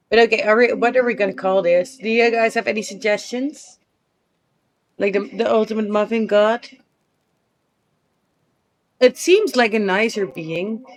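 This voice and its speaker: A woman streamer chatting casually and thinking aloud while she plays a game, with the odd swear word. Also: mid-range voice. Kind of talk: casual live gameplay commentary.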